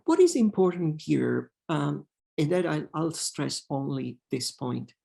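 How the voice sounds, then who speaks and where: A man giving an academic lecture on poetry as a professor, speaking haltingly with many pauses and fillers. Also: a little high, very animated, vocal fry, warm tone.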